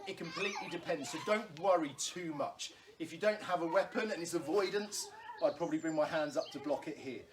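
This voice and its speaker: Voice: mid-range voice, brisk, background noise. A stage combat instructor teaching footwork at home, explaining each step patiently and reassuringly, with the odd light laugh, while calling out drills to follow. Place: room at home during lockdown. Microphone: camera in front of a standing speaker.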